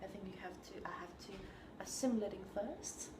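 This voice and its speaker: Halting woman. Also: medium pitch. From China. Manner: thoughtful and halting, searching for words. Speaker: composer, interview guest. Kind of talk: reflective conversation. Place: room in New York. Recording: roomy sound with steady background noise.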